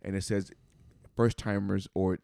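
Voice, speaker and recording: A man in his forties talks with a low, easygoing voice as he co-hosts a casual podcast. He laughs often and swears freely. The sound is close and dry, with no room echo. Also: little pitch movement, unhurried, gravelly, mellow, clean tone. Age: 40s. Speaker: podcast co-host. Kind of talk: casual chat.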